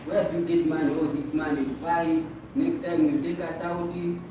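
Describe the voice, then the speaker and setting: A man's voice: on the high side, little pitch movement, normal speed. A young man from Malawi telling a seminar audience how he got into a business, casual and joking. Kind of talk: testimonial talk to an audience. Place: meeting room with a projector. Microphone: far camera. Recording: echoey room from far off, noisy.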